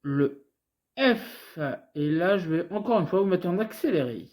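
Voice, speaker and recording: A woman's voice: on the low side, expressive, a little slow, a little mellow. A woman with a French accent from France, hosting a scratch-card video and chatting casually to her viewers as she goes. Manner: chatty, talks to viewers, repeats letters in sing-song runs. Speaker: host scratching lottery tickets. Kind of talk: casual play-by-play commentary.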